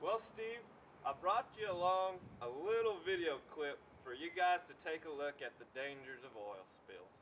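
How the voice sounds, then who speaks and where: A man's voice: a little high, lively intonation, moderate pace, a bit bright, a little hiss or hum. A young man playing a cheerful, homespun male mushroom scientist who lectures folks and kids in an amateur news parody. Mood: folksy. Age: young adult. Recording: roomy, distant from mic.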